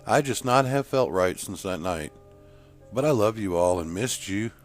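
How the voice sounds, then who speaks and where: Give me a man reading a gentle, shaken woman friend in a spooky short story, soft and earnest. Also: fairly low pitch, lively intonation, normal speed, no room sound, soft background music, natural voice.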